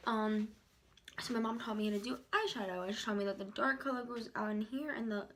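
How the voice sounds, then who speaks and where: A young woman chats casually and haltingly to the camera in a rambling, informal way, chewing as she talks. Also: fairly high pitch, fairly bright tone, slight background noise. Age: young adult. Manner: chewing while talking. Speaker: YouTuber vlogger. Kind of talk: casual chat to camera during a mukbang.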